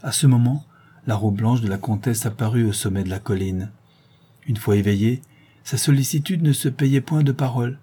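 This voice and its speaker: A man reading a classic novella aloud as narrator in a measured, literary way. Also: medium pitch, warm tone, breathy edge.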